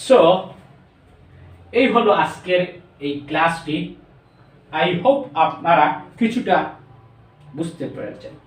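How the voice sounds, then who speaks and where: High-voiced Bangladeshi man teaching. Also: animated. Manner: slow, drawn-out words, mixing English into explanations. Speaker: spoken English teacher. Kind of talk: classroom lesson. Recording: echoey room, voice from a distance.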